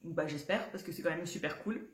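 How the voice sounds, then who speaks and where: A woman's voice: sits low, brisk. A woman hosting a knitting podcast, talking casually to the viewer with many fillers and small laughs. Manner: chatty, many fillers and restarts, laughs easily. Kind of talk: casual chat to camera. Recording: roomy echo.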